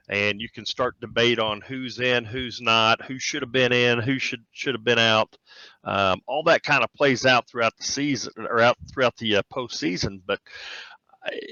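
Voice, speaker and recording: A man's voice: medium pitch, sharp tone, dry recording. A man who coaches basketball, co-hosting a casual sports talk show and weighing his opinions carefully. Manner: thoughtful, measured opinions. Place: cafe studio. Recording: slightly dull dry recording.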